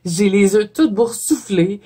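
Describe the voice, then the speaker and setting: Speaking slowly in a warm, mid-range voice with a breathy edge, this woman paints watercolors for her audience and chats away, congested from a cold. Her Quebec French accent comes through, and she laughs a lot, often at her own expense.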